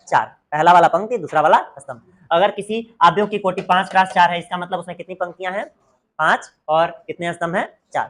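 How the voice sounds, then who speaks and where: A man teaching a math lesson, asking questions and answering them himself, repeating the key words. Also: high-pitched. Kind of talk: exam-prep math lesson.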